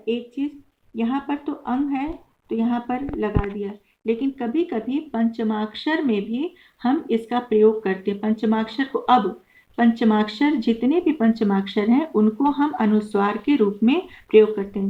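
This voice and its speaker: A woman teaches a grammar lesson with a patient, step-by-step manner, going over each example slowly. Her voice sits on the higher side. The recording is thin and tinny, like a phone line.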